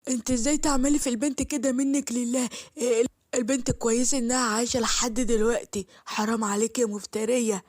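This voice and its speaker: A stern, accusing male doctor with an Egyptian accent, as a woman narrator puts him on, presses hard with each question. The voice stays fairly high and dry. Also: fairly even intonation, fast talker, a little mellow, no echo, lightly acted. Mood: outraged.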